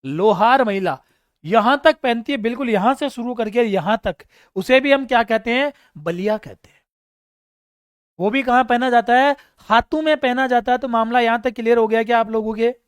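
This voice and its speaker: A man's voice: very high voice, normal speed, clean tone, no echo, studio quality. A man teaching a live exam-prep class online, quizzing students, reading out their names and praising them, with funny stories mixed in. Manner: storytelling with humor.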